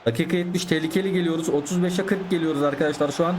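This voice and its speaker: A man's voice: on the high side, steady tone, very fast, a crowd in the background. A man giving chatty live commentary over his own football video game, talking to his viewers and exclaiming at the plays. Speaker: gaming YouTuber.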